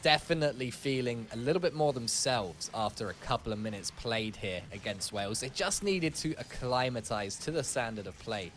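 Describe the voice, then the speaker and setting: A man offers relaxed, playful analysis alongside the play-by-play in an ordinary mid-range voice. Faint event ambience hums behind him. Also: mid-range voice, normal speed, few pauses, a little hiss or hum. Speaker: esports co-caster. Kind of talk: esports color commentary.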